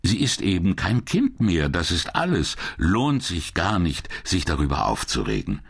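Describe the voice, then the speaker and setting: A man's voice: low voice, wildly swooping pitch, a little slow, gravelly, breathy edge, heavily acted. A male narrator voicing a sly, smug male crook in an audiobook, amused and leering. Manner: drawling, amused.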